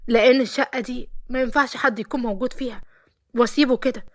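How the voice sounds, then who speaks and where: A woman's voice: on the high side, steady tone, quick pace, natural voice. A woman doing a stern secretive rich man. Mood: alarmed. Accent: Egyptian. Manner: warning, firm.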